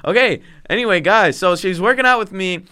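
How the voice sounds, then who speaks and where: A man's voice: sits high, brisk, bright, forceful tone, clean tone. A young man co-hosting a podcast, telling stories in casual chat, swearing freely and laughing as he talks. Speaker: podcast co-host.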